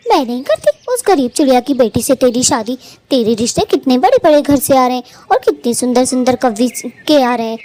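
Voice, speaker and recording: A woman voicing a proud female bird in a cartoon who taunts and scolds in a shrill voice. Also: a little mellow. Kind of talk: Hindi cartoon voice acting.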